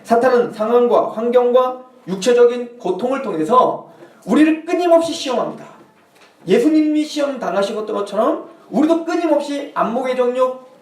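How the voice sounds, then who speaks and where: A man's voice: very high-pitched, darkish tone, reverberant, recorded from a distance. A male pastor preaching a sermon, acting out the tempter's taunts in a mocking, questioning voice. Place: church sanctuary.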